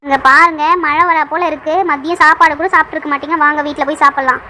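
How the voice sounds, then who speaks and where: ஒரு பெண் நடிக்கும் அன்பான பக்கத்து வீட்டு aunty. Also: female voice, sits high, fairly even intonation, fast talker, bright, forceful tone, slight background noise, pitched below the performer's own voice. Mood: coaxing. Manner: coaxing, fussing. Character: kind motherly neighbour aunt, coaxing children. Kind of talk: cartoon voice acting.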